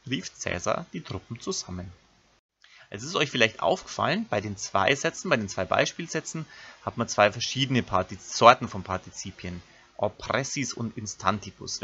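Husky man teaching grammar. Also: lowish voice, lively intonation, normal speed, pushed and bright, dull audio. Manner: explains step by step, addressing pupils directly. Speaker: Latin teacher. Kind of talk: recorded grammar lesson.

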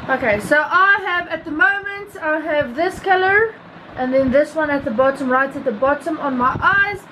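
A woman in her thirties with a South African accent, giving a rambling, casual product review as a beauty vlogger, often correcting herself. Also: high voice. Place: small room indoors. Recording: clearly noisy home recording, ambient hum.

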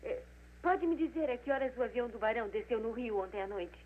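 Brief: nervous society baroness, stammering, slightly high voice, lo-fi 1940s dub sound. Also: female voice, animated, fast talker. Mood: anxious. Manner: stammering, hesitant and anxious. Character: anxious suspicious baroness, society wife. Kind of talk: 1940s Brazilian Portuguese film dub. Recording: tinny old film dub with hiss.

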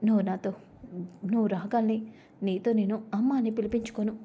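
A woman's voice: medium pitch, steady tone, a little fast, warm tone, slightly rough, lightly acted. A woman voicing a young mother in a retold family serial, speaking in an earnest, explaining way. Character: young mother, firm and tender.

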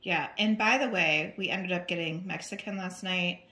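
A woman's voice: lowish voice, moderate pace, sharp tone. A woman co-hosting a casual grocery haul in a home kitchen, chatty and filling in with lots of "um"s as she lists the items. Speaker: channel co-host.

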